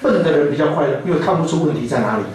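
Taiwanese-accented male pastor, playful storyteller, high lively voice, distant mic in a booming hall. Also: very fast, background noise. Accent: Taiwanese Mandarin. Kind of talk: lively sermon to a youth camp. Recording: echoey hall from far off.

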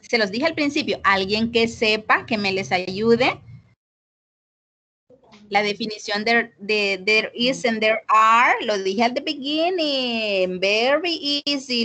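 Slow-speaking woman teaching English online. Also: on the high side, expressive, pushed and bright. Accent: Salvadoran Spanish. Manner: mixes Spanish and English, asks students questions. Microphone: computer mic on a video call.

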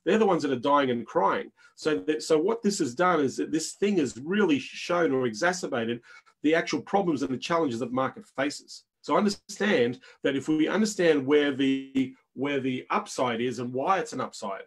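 A man with a Minnesota accent presenting a business webinar, talking fast in punchy lists and tagging lines with "right?". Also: fairly high pitch, animated, slightly rough.

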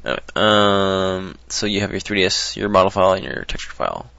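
A man's voice: low voice, lively intonation, a little fast, vocal fry, bright, forceful tone. A man talking through a casual screen-recorded modding tutorial, rambling and hesitant with many ums and restarts, on a desktop mic. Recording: dull lo-fi dry mic.

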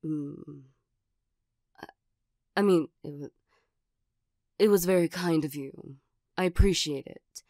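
A woman as a shy, stammering cat girl, unhurried. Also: sits low, mellow, dry recording, studio quality. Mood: flustered, nervous. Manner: hesitant, stammering, giggly. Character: flustered, shy, nervous female cat creature with claws. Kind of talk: ASMR role-play, soft-spoken.

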